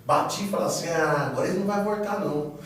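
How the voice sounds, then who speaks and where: A man giving a casual spoken testimony as a guest, animated storytelling that acts out quoted dialogue. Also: a little high, racing. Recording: echoey room, far from mic, faint noise.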